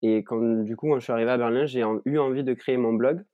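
A man in his twenties with a southern French accent, talking as a podcast guest. His voice is warm and mellow, recorded close and dry. He reflects on his experiences at an unhurried pace, often pausing and restarting. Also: mid-range voice, fairly even intonation, no room sound, highs cut off. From southern France, Ariège. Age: 20s. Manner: thoughtful, many fillers and restarts. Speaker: guest, content creator. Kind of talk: reflective conversational storytelling. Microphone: remote recording.

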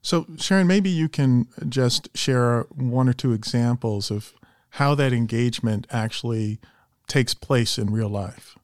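A podcast host and investment strategist conducts an interview in a polished, professional manner, introducing topics and putting questions to his guest. His medium-pitched voice is a little slow and a little mellow, captured in clean studio sound with no echo.

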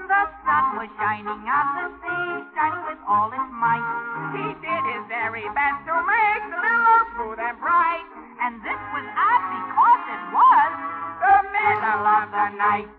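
An actor voicing an excitable, childish little twin man who tells rhyming tales in a singsong theatrical way for a radio musical. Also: extremely high pitch, heavily acted. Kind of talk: 1950s radio musical acting. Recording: tinny band-limited old radio recording. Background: musical accompaniment.

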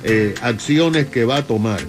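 A man co-hosting on radio, explaining a news item to his partner in a measured way. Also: mid-range voice. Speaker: radio co-host. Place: radio studio. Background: music bed.

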